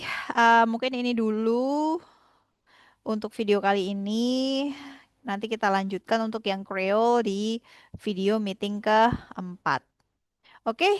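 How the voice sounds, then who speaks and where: Young woman, student presenter, casual chatty explainer, higher voice, dry close recording. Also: clear, resonant tone, no room sound. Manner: chatty, frequent tag fillers, slowly acts out example phrases.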